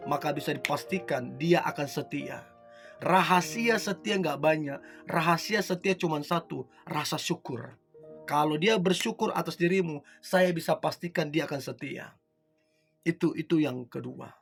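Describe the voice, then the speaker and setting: A man's voice: on the high side, normal speed, creaky, soft background music. Earnest man giving love advice. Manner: earnest, repeats rhetorical questions to the listener. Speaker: motivational speaker. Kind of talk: relationship advice talk to viewers.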